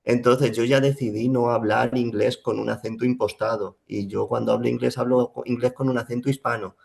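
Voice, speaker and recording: A young man talks it over in an interview. His gravelly voice sits at a middle pitch. He thinks aloud and often restarts his sentences. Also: flat delivery, brisk, darkish tone. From Spain. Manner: reflective, many fillers and restarts. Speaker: Spanish teacher, guest. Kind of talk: casual interview talk.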